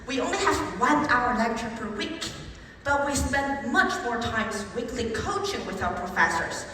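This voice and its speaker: A woman's voice: fairly high pitch, slight background noise. Young Taiwanese woman orating in an echoey hall. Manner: animated, rhetorical, emphatic rises on key phrases. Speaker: speech contestant. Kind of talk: competition public speech. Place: large conference hall. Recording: echoey hall from far off, faint ambience.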